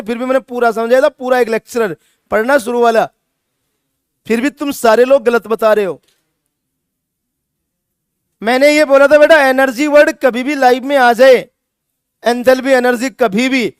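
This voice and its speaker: A man's voice: very high-pitched, clean tone, no echo, clean studio sound. A male chemistry teacher lecturing a classroom, scolding students and repeating his points with emphasis.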